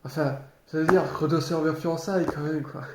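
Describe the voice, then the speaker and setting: A man improvising a theatrical tirade in a sardonic, mock-polite way, halting and repeating his words. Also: on the high side, fairly even intonation. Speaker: amateur actor improvising a monologue. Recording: roomy echo, clearly noisy background, clicks.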